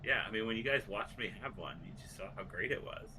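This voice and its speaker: A man's voice: on the low side, fast talker, noisy background. A man as a player in a tabletop game, joking and scheming with the group. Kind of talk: casual tabletop play.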